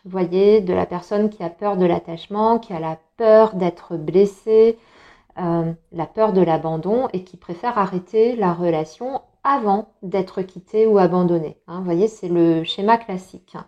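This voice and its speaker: A woman's voice: mid-range voice, unhurried, lo-fi sound. Chatty woman reading tarot. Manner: chatty, many fillers and restarts, reassuring. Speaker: tarot reader. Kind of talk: casual tarot reading for viewers.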